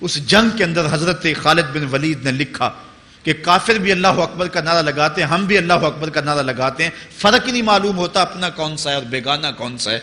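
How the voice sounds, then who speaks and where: Male preacher, impassioned sermon, forceful voice, long hall reverb. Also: a little high, animated. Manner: impassioned, rising to emphatic peaks, chanting Arabic quotations slowly. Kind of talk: Urdu religious sermon.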